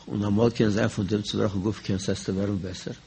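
A low-voiced man talks quickly through a religious teaching, his voice rough with gravel. He circles back over the same phrases and throws out questions, then answers them himself. A faint hiss sits under the recording. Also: steady tone, mellow. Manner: repetitive, poses and answers his own questions. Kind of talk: spoken religious discourse.

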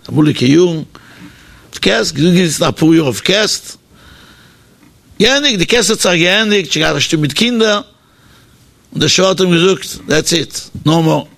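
A man with a high, gravelly voice tells a religious story in sermon style. He talks animatedly and shifts his pitch for the people in the story, often stumbling over repeated words and fillers. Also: a bit bright.

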